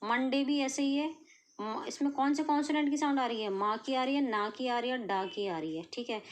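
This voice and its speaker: A brisk, high-voiced Indian woman walks students through shorthand step by step, with a little background noise present. Patient throughout, she checks in often using "clear?" and "okay".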